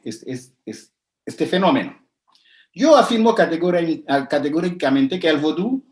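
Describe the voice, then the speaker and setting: A man lecturing over slides in a fairly high voice, talking his way through ideas with frequent "eh" and restarts. The sound carries a noticeable room echo. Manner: hesitant, many fillers and restarts, explanatory. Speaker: lecturer on religion. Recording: echoey room.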